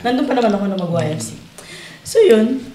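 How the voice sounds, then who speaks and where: A woman's voice: fairly high pitch, animated, quick pace, dark tone, echoey room, slight background noise. A woman in her fifties from the Philippines, a guest telling stories in a casual interview and often laughing as she talks. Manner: chatty, often laughing while recounting. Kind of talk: casual storytelling chat.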